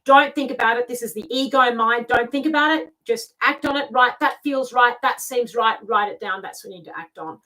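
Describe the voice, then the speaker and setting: A middle-aged Australian woman acting as a tarot reader offers informal spiritual guidance to camera, repeating herself to drive her points home. Her fairly high voice is pushed and bright, and she talks briskly with few pauses, picked up by a distant microphone.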